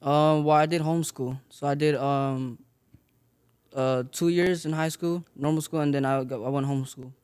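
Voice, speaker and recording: A man's voice: a little high, fairly even intonation, normal speed, darkish tone, smooth. A young man from Las Vegas, giving modest, filler-laden answers as a boxer in an interview. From Las Vegas, Nevada. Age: young adult. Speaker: boxer guest.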